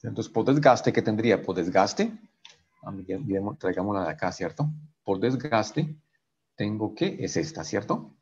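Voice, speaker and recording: Male engineering lecturer, husky voice, stop-and-start explaining, muffled lo-fi recording. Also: fairly low pitch, lively intonation, measured pace, a little mellow. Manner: repeats "¿cierto?" after each step, stumbles and restarts. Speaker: engineering professor. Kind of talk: online lecture working through equations.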